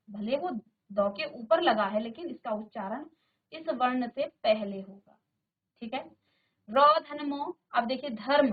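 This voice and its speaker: A woman's voice: fairly high pitch, breathy edge. A woman teacher giving a grammar lesson in a studio classroom, drilling sounds by repeating them and checking in with her class. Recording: tinny phone-like sound.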